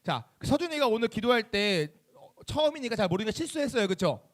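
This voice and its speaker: A high-voiced man gives a quick, animated youth sermon in a church chapel. His pitch swings widely as he fires question after question at his listeners and answers them himself. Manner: animated, asks the audience many questions and acts out quoted voices. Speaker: youth pastor.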